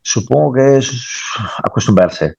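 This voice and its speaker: A man's voice: medium pitch, expressive, unhurried, creaky, a little mellow, husky, no room sound, lo-fi sound. A man, a naval engineer, answering interview questions casually and rambling, often adding tag questions.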